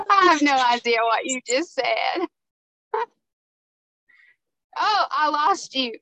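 A woman co-hosting a casual chat over a lo-fi video call connection, chatty and quick to laugh. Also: sits high, animated, pushed and bright, no room sound. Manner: chatty, laughs easily, repeats words. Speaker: co-host.

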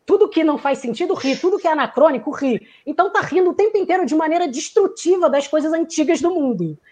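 A theater performer with a high, mellow voice gives a reflective talk, musing aloud and searching for words in a theatrical manner. She is animated and speaks quickly, briefly acting out the lines whenever she quotes someone.

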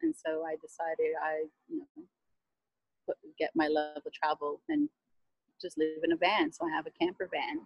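A woman's voice: deep voice, sing-song, moderate pace, slightly rough, no echo, dull audio, soft background music. A woman from Brazil, a guest chatting casually in an interview about travel.

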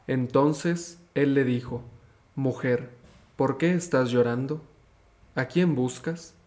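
Young guy, a seminarian, reads the gospel then shares a short reflection, calm and steady, mid-pitched voice. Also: slow pace.

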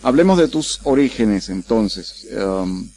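A man with a low, gravelly voice leading an interview. He asks steady questions, teases his guest a little, then reassures her. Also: slow, a little hiss or hum. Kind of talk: conversational interview.

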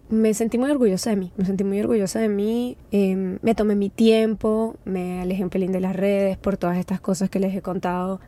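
A woman in her thirties talks into her podcast mic about personal matters. Her voice is mellow and dark, and her pitch sits in the middle. She speaks in an intimate, earnest way and often checks in with the listener. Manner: intimate, earnest, speaks of feelings with many "¿sabes?". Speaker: podcast host. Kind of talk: personal reflective podcast monologue.

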